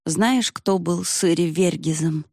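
A woman's voice: on the low side, unhurried, mellow, no room sound, studio quality. A woman voicing a grown village son in an audiobook, blunt and matter-of-fact.

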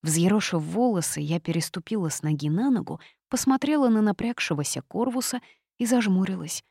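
A woman reading a first-person story as a young witch, in a lively, teasing telling. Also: mid-range voice, a little fast, husky, dry recording, studio quality, pitched above the performer's own voice. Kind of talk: audiobook reading.

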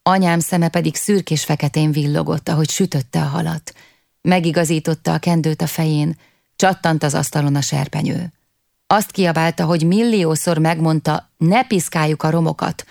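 A woman's voice: low-pitched, steady tone, vocal fry, darkish tone, no room sound, studio quality. A woman reading an audiobook, voicing a young man who wistfully tells the listeners about his past. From half Turkish, half Kurdish (figure). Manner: wistful storytelling, addressing listeners.

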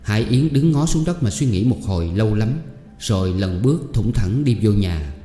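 A man narrating a novel in a steady storytelling voice. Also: lowish voice, moderate pace, soft background music. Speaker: audiobook reader. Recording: echoey room with long reverb.

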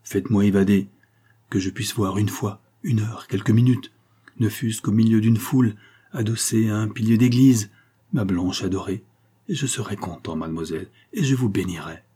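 A man's voice: lowish voice, moderate pace, warm tone, husky. A man reading a fervent young marquis. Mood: fervent, tearful. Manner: emotional, fervent pleading. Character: young noble marquis, impassioned and tearful. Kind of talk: audiobook character reading.

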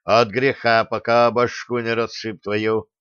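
A man voicing a gruff, grumpy elderly male pensioner who speaks in curt grumbles. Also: on the low side, level tone, unhurried, a bit bright, no room sound. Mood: grumbling. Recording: dull dry recording.

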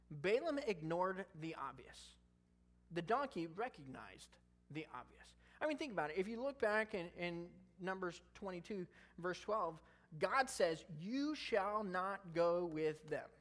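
A man's voice: high-pitched, animated, measured pace, a bit bright. Male pastor, casual sermon, conversational and humorous between scripture readings. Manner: conversational, jokey asides while reading scripture.

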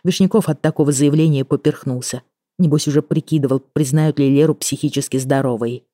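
A woman narrating a first-person crime audiobook in a calm, even storytelling manner. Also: sits low, brisk, no room sound.

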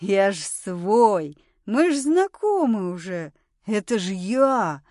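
Brief: slow-drawling village drunk, wheedling, read by a woman. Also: mid-range voice, big pitch swings, a little mellow, dry recording, clean studio sound.

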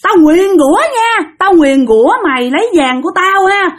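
A woman voicing a shrill, vindictive middle-aged woman who curses. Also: expressive, normal speed. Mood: furious. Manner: shrill, spiteful, shouting curses.

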